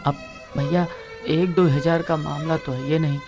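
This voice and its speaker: An actor playing a folksy village friend who coaxes and advises. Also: male voice, a little high, steady tone, natural voice. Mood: coaxing. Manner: coaxing, folksy, drawn-out calls. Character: village fixer friend, man, folksy and coaxing. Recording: film soundtrack with background music.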